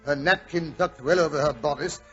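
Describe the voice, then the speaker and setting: A man's voice: fairly high pitch, a little fast, a bit bright, soft background music, close to an everyday voice. An actor playing a genial English doctor telling his story, avuncular and slightly flustered, in 1940s radio style. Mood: reminiscing, genial. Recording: dull vintage radio recording.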